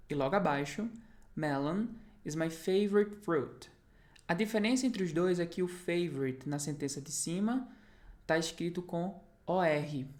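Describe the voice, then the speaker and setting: A woman with a notably low voice and a Brazilian Portuguese accent, walking through an English lesson. She explains points patiently, step by step, and keeps checking that the learner is following along. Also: a little mellow. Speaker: English teacher. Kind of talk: online language lesson.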